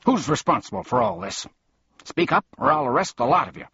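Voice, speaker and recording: A man's voice: medium pitch, sing-song, moderate pace, fairly bright tone, slightly rough, highs cut off, pitched above the performer's own voice, full character voice. A man voicing a tiny, fierce male policeman who barks out accusations in an officious, pompous way. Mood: accusing.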